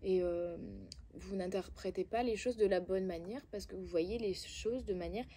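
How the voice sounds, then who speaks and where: A woman with a Belgian French accent, her medium-pitched voice mellow at a normal speed, talks straight to her viewers during a relaxed oracle card reading. Her advice is gently persuasive but blunt, broken up by many hesitations.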